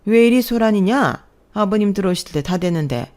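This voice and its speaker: Woman doing a bossy mother-in-law, loud sharp nagging, kinda mellow tone. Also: on the low side, animated, normal speed, lightly acted. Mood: scolding. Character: domineering middle-aged mother-in-law, bossy and scornful.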